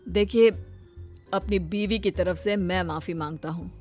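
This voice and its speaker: A woman's voice: on the low side, fairly even intonation, measured pace, a little mellow, soft background music, close to an everyday voice. A woman voicing a preachy young husband in a cartoon, lecturing earnestly.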